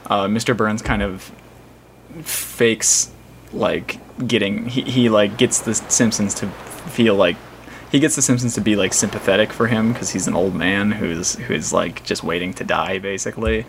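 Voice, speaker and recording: A man's voice: on the low side, unhurried, slight background noise. A man co-hosting a podcast in casual chat, laughing often and using many fillers. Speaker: podcast co-host.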